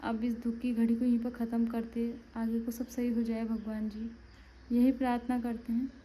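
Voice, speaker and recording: A family vlogger with a Pahadi Hindi accent chats to viewers at home indoors in a casual vlog, then turns to coo at a baby. Her fairly high voice is warm and level, at a moderate pace. The audio quality is poor.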